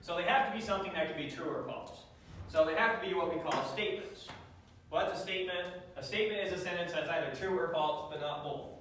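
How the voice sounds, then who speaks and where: A man lectures a math class, throwing questions at the students and slipping in dry jokes. His voice sits a bit high for a man. The recording is taken from across an echoey classroom, distant and full of reverb. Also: fairly quick, fairly bright tone, a little hiss or hum. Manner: dry joking, quizzes the class. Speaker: math teacher. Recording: echoey classroom taped from far off.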